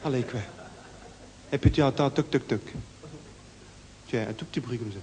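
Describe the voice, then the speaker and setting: With a slightly mellow voice and a moderate pace, a Brussels French stand-up performer frets and wanders through a one-man stage piece, heavy on local fillers. He acts out other people in a raised pitch. Through his handheld mic, the theatre's long reverb and faint room noise come through.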